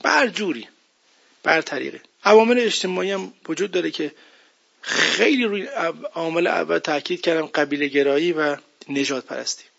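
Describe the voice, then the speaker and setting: A man delivers a religious sermon in an emphatic, conversational style and keeps asking his listeners questions. His voice sits somewhat high for a man and is husky and gravelly. The recording sounds dull and lo-fi. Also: fairly bright tone. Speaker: preacher.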